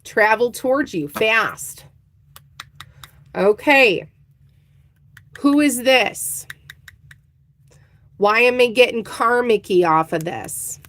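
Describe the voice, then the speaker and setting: A woman's voice: a little high, lively intonation, takes it slowly, long pauses, a bit bright. A woman giving a casual tarot reading, chatting straight to her viewers and laughing easily. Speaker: tarot reader.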